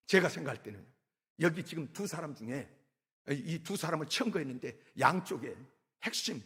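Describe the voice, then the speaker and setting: A man preaching in a big church hall, his husky voice rising and falling in lively swings. He acts out the dialogue and throws questions to the congregation. The long reverb of the sanctuary trails after every phrase. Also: on the high side. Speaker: pastor. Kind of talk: sermon.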